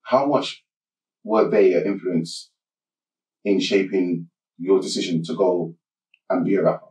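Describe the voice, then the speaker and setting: Low voiced interviewer guy, kinda far from the mic, echoey room. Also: steady tone, darkish tone. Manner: measured, recaps before asking. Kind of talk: interview questions.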